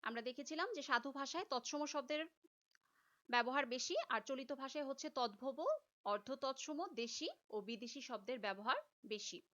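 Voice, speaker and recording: A woman's voice: sits high, normal speed, pushed and bright, lo-fi sound. A woman teacher giving a recorded class lecture, explaining step by step and repeating key terms.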